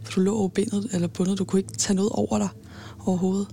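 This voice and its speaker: A woman in her twenties giving a halting personal account in an interview, with many fillers and restarts. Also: medium pitch, level tone, gravelly, warm tone, soft background music. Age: 20s.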